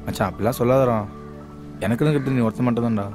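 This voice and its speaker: A man's voice: medium pitch, very fast, music in the background, lightly acted. An actor playing a lovesick young man who pleads with his friend about the woman he loves, in film dialogue. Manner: pleading, dreamy.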